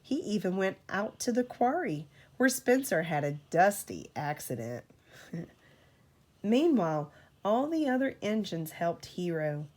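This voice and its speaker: Reading aloud to a child as a parent would, a woman with a medium pitch brings a storybook to life through careful, expressive narration.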